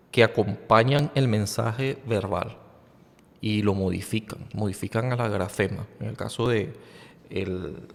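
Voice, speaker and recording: Slow, halting man in a reverberant room. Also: lowish voice. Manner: halting, with many fillers and repeated words. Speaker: podcast host. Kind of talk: unscripted educational monologue. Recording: long hall reverb.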